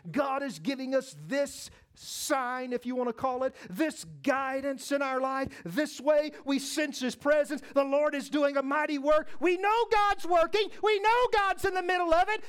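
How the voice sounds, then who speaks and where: Impassioned high-voiced male preacher. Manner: impassioned, swings from hushed to shouting. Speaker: pastor. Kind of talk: sermon. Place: church.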